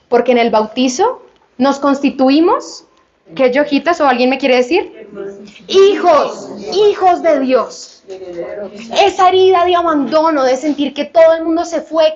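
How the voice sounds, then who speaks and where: A woman's voice: high-pitched, muffled recording. A woman preaching a sermon at a healing retreat, fervently addressing her listeners and putting questions to them.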